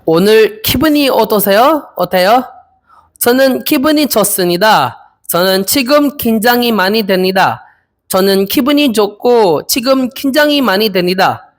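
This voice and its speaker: A young man in his twenties from the Philippines, practicing Korean interview answers aloud, hesitant and repeating each phrase slowly. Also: sits high, lively intonation. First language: Filipino. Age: 20s. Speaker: Korean language learner.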